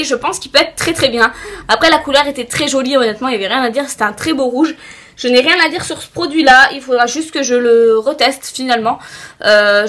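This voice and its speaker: A young woman reviewing makeup products in a casual, chatty way, often pausing with fillers. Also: sits high, a bit bright. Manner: chatty, hesitant with many fillers. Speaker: beauty vlogger.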